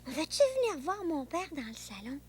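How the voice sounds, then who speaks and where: Kids' TV boy, chatty and bossy, bouncy high pitch, a woman plays him. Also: sing-song, normal speed. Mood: playful. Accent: Québécois French. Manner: bossy, chatty, engine noises. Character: playful young boy with an imaginary friend. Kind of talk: children's TV acting.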